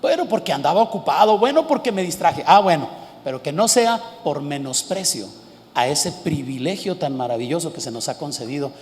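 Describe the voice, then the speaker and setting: A middle-aged man with a Mexican accent preaching a sermon as a pastor. He swings from loud shouting to soft, quiet storytelling. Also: a little high, animated, brisk. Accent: Mexican Spanish. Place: church. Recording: church hall with long reverb.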